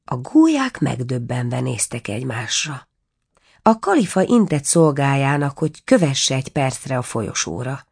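Low-voiced woman reading a storybook. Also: very animated, creaky, a little mellow, husky. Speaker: narrator.

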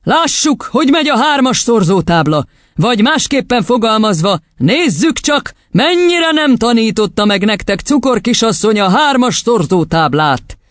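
A man's voice: very high-pitched, very animated, fairly bright tone, dry recording, clean studio sound, pitched above the performer's own voice, exaggerated voice. A man playing a roaring tyrannical headmistress. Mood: bellowing. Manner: roaring, insulting, threatening. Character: brutal bellowing headmistress, huge and tyrannical. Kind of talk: audiobook reading.

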